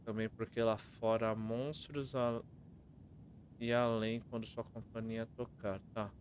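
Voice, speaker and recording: Brazilian man thinking out loud. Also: lowish voice, flat delivery, a little slow, slight background noise. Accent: Brazilian Portuguese. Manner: reads riddles aloud and thinks out loud. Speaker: streamer. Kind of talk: live gameplay commentary.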